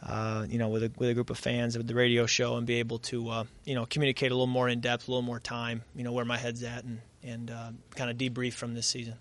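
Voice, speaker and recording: A man's voice: medium pitch, completely flat delivery, a bit bright. Worn out football player fielding questions after the game, lots of uhs and you knows, just catching his breath. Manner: measured, many fillers and restarts. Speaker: quarterback at press conference. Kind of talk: post-game press conference answers.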